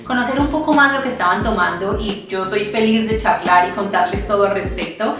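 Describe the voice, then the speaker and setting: A young Colombian woman with a Colombian accent, a barista answering her followers' questions in a casual, friendly, encouraging vlog. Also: a little high. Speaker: barista and vlogger. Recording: very echoey room with music behind.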